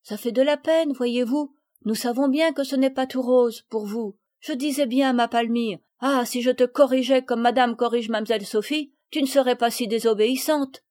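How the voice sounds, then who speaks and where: A woman's voice: moderate pace, few pauses, no echo, clean studio sound, close to an everyday voice. A woman voicing a blunt, scolding old peasant woman who works as a gardener, with rustic country speech. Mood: chatty. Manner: loud, scolding, high-pitched.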